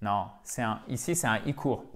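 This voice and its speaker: A man teaching a video lesson for French speakers, lively and repeating words to drill their pronunciation. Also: lowish voice, normal speed. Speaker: English teacher.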